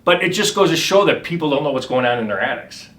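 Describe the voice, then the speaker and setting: A middle-aged man with a bright, forceful voice tells his stories as a home inspector. He rambles, pauses on ums and restarts his sentences in loose conversation. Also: fairly high pitch, animated. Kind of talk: casual storytelling.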